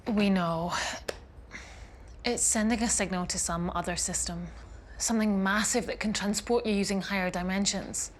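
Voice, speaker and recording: A woman playing a brisk, cautious scientist. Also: medium pitch, steady tone, slight background noise, natural voice. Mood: firm. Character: practical young woman scientist, firm. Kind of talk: film acting.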